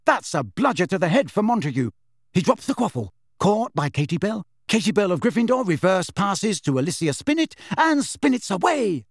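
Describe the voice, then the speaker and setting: A man voicing an excitable, cheeky young male sports commentator calling a match. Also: sits high, gravelly, breathy edge, dry recording, studio quality, pitched above the performer's own voice, exaggerated voice. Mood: excited. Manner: fast, cheeky play-by-play.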